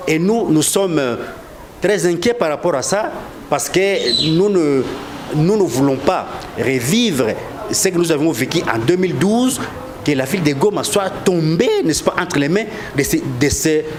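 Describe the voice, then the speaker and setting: A man's voice: fairly high pitch, expressive, a little slow, background noise. A man from DR Congo with a Congolese French accent, speaking as an official in a live outdoor interview, emphatic and accusatory, often repeating words and hesitating.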